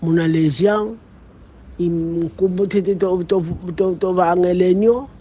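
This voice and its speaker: A man reading a practice text aloud in a language class, halting and repeating syllables as he goes. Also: sits high, steady tone, mellow, slight background noise. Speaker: student. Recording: muffled video call audio.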